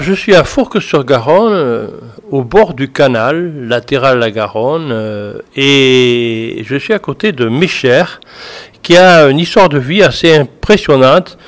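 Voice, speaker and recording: A man hosting a radio interview, asking relaxed questions with many hesitations. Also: unhurried. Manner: scripted intro read low, then relaxed questioning with fillers. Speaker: radio host.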